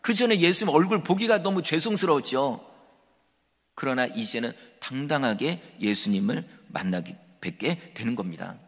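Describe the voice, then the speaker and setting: A man preaching a sermon as pastor, animated and conversational. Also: medium pitch, normal speed, husky. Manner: animated, conversational preaching that acts out quoted speech. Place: church sanctuary. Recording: reverberant church hall.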